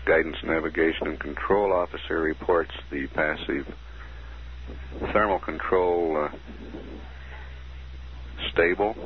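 A man with a very low voice delivers crisp, measured mission status reports, reading out one figure after another. His voice comes through a muffled radio transmission, dull and lo-fi like an old archive broadcast. A faint hiss runs underneath. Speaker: mission control commentator. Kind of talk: formal status announcements.

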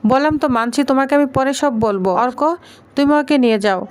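A woman's voice: high-pitched, quick pace, darkish tone, smooth, natural voice. A woman reading the lines of a stern mother who scolds and instructs her family. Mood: firm. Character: stern mother of grown sons.

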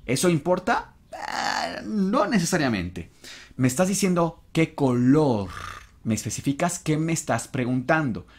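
A man teaching an online English lesson, slowly repeating example sentences and cheering the learner on. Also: fairly high pitch, sing-song.

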